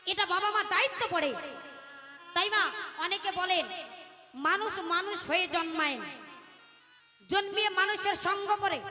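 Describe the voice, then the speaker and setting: A woman kirtan performer gives a devotional sermon with a strikingly high voice. She tells the story with acted dialogue and pulls the listeners into call-and-response chanting. Her voice echoes with long reverb over steady devotional music. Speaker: kirtan singer and preacher.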